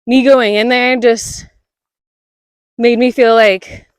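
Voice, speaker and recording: A woman's voice: fairly high pitch, fairly even intonation, slow pace, clear, resonant tone, no echo. A young woman talking casually while walking a rainy outdoor trail, rambling with many fillers and a little out of breath, on a close mic. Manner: rambling, lots of "like" fillers, laughs often. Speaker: spiritual vlogger. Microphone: body-worn mic close to the mouth.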